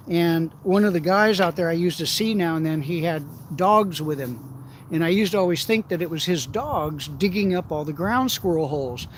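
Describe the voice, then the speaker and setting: A man's voice: fairly high pitch, slight background noise. A middle-aged man telling rambling, profane stories in a casual way while fishing outdoors. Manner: profane, rambling anecdotes with frequent laughs. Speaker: outdoors vlogger. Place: outdoors by the water.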